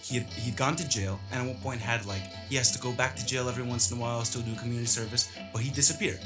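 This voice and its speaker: Fast-talking rambling man over guitar. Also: mid-range voice, steady tone. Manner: rambling, full of "like" fillers. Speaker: storyteller. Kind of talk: casual personal storytelling. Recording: guitar music under the voice. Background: plucked guitar music.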